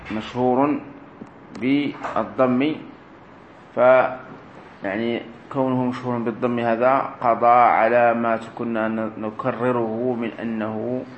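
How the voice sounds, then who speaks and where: Man teaching grammar class, repeats words slow, echoey room. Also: mid-range voice, lo-fi sound. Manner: explains slowly, repeats key words and drills verb forms aloud. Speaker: sheikh teaching Arabic grammar. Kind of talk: recorded classroom lesson. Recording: roomy echo with faint room noise.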